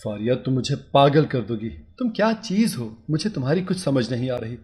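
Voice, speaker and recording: A man voicing a young husband who worries aloud and gently coaxes his wife in a storybook tale. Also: medium pitch, very animated, normal speed, close to an everyday voice. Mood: worried. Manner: anxious musing, soft coaxing. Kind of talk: storybook character voice.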